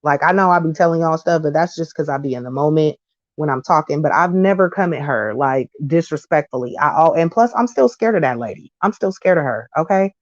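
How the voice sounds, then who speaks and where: Animated slangy woman in her thirties vlogging her opinions, dry lo-fi audio. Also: low-pitched, brisk, no room sound. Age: 30s. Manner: animated, blunt, slangy, jumps into mocking voices. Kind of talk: casual opinion monologue to camera.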